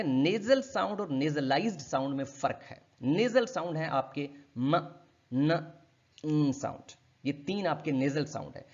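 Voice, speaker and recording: A man giving a linguistics lecture, explaining step by step and repeating example words slowly. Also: medium pitch. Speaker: linguistics teacher. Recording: dull lo-fi recording.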